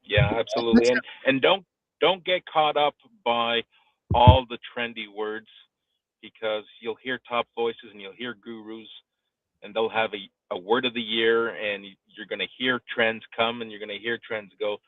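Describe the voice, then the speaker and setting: A man with a mid-range voice speaks at normal speed as host of a live streamed audio discussion, offering coaching advice emphatically and repeating phrases for weight. The connection is a live online audio room, with tinny, phone-like sound and no echo.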